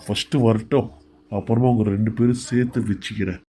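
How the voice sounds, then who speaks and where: A man's voice: lowish voice, fairly even intonation, brisk, dark tone, husky, faint music behind. A man voicing an indignant young husband who stands up to his mother in a cartoon serial.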